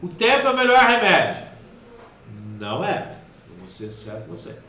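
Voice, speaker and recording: A man's voice: high voice, huge pitch swings, moderate pace. Emotional man preaching in an echoey hall. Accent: Brazilian Portuguese. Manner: emotional, swings between loud urging and soft near-whisper. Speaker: spiritist lecturer. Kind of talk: devotional talk. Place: spiritist center hall. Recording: echoey hall with faint background noise.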